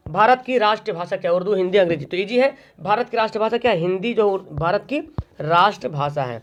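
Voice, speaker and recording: A man's voice: high-pitched, quick pace, a little hiss or hum. A man teaching an online exam-prep grammar lesson, asking questions and answering them himself. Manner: drills by asking and answering his own questions. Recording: dull lo-fi recording.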